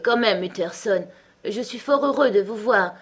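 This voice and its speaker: A woman's voice: medium pitch, normal speed, pitched above the performer's own voice, natural voice. A woman reading the part of a despondent male doctor in an audiobook, speaking mournfully with sighs. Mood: regretful. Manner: mournful, sighing. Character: man, a gloomy, despondent doctor.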